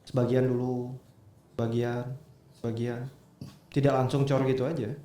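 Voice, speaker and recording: A man's voice: mid-range voice, flat delivery, measured pace, dark tone. A man hosts a podcast discussion in a mid-range voice, leading the panel with questions and drawing out key phrases for emphasis. The room around him sounds noticeably echoey. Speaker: podcast host. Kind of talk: hosting a true-crime discussion.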